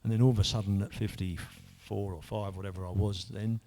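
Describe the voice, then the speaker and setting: With a fairly low, creaky and warm voice, steady in tone and brisk in pace, a man in his 50s gives his testimony as a church member. The story of his own life comes out earnestly, rambling, with many restarts.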